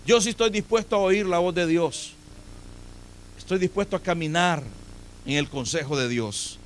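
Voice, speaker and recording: A man's voice: high-pitched, moderate pace, a little hiss or hum. A man preaching a sermon in a church, speaking emphatically and putting direct questions to his congregation. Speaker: pastor. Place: church sanctuary.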